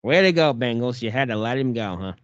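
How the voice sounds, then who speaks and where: A man's voice: medium pitch, brisk, no room sound. Guy cohosting a sports podcast, voice goes up and down a lot, kinda muffled. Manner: animated, playful teasing. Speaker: podcast co-host. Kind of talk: casual sports chat. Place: Detroit.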